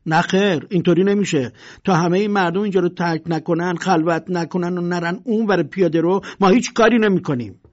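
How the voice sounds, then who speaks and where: A man voicing an arrogant neighbourhood tough guy who bullies and barks at a crowd. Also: sits high. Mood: bullying. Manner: loud, bullying, swaggering. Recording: dull lo-fi recording.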